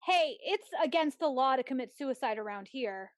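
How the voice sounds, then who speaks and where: A woman's voice: sits high, animated, normal speed, no room sound. A woman playing a nervous, easily startled, stammering small-town bridge keeper in a radio play. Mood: alarmed. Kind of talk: 1940s-style radio play acting.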